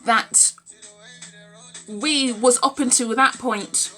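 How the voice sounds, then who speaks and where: An extremely slow, pushed and bright female voice on the high side, over soft background music. A British vlogger of about thirty, she talks casually to camera on a phone at arm's length from a room at home. Blunt and opinionated, she swears and repeats phrases to stress her points emphatically.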